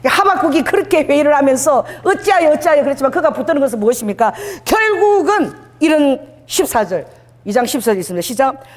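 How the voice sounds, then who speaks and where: Woman pastor, sermon, high pitch, animated delivery, call-and-response phrases. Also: fast talker. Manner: exhorting, has the congregation repeat phrases; voices God's words in first person.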